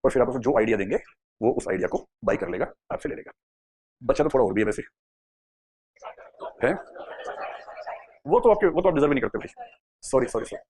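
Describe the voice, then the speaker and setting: A man teaching a psychology class, playful and quick, acting out little scenes in voices. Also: mid-range voice, sing-song, a little mellow, husky. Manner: fast, playful, acts out examples in voices. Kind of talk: classroom lecture mixing Hindi and English.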